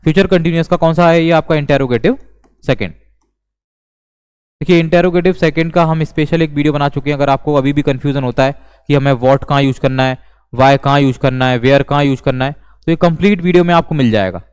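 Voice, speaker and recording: A man teaching an English grammar lesson, speaking slowly and deliberately and repeating each example sentence. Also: mid-range voice, a little mellow, clean tone. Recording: long reverb.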